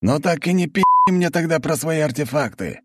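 A man voicing a blunt, gruff count. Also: fairly high pitch, animated, moderate pace, background noise, voice pushed up, lightly acted. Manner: blunt, swearing, sardonic. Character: blunt chain-smoking male count, gruff official.

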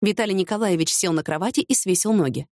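A woman narrating an audiobook in a steady, expressive reading. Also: medium pitch, fast, no echo, clean studio sound. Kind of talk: scripted narration.

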